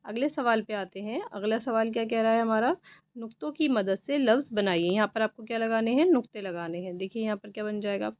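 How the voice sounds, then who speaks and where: A woman's voice: a little high, a little fast, dry recording, dull audio. A woman teacher patiently going through an exam paper, asking questions and answering them herself. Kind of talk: exam paper walkthrough lesson.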